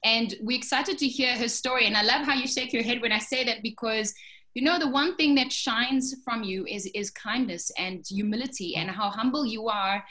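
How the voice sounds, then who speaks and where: A woman radio and TV presenter hosting an online interview, chatty and enthusiastic, speeding up when excited. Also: fairly high pitch, moderate pace.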